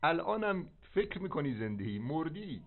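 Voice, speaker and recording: A man's voice: fairly high pitch, very animated. Didactic male counselor on a tinny phone line. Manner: didactic, directive, with check-in questions. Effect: over a landline phone. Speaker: spiritual healer and doctor giving counsel. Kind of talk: preaching counsel on a phone call. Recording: narrow, tinny telephone line.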